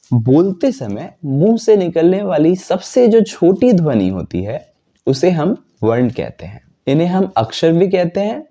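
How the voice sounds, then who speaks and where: A man's voice: on the high side, mellow. A man teaching a basic grammar lesson, explaining carefully and reciting letters one at a time.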